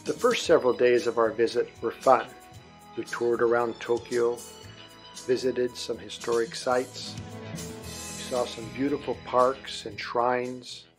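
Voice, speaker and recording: A man giving scripted documentary narration in a measured, even way. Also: mid-range voice, faint music behind.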